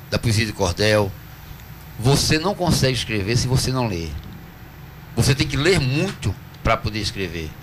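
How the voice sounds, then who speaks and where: A man with a Northeastern Brazilian accent speaks in a mid-pitched voice as a guest in a radio studio. He explains patiently and like a teacher, drawing out words to mark rhythm and syllables. A faint hiss sits under the recording. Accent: Northeastern Brazilian Portuguese. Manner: earnest, teacherly, slows to stress syllables. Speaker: cordel poet, interview guest. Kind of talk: radio interview, explaining at length.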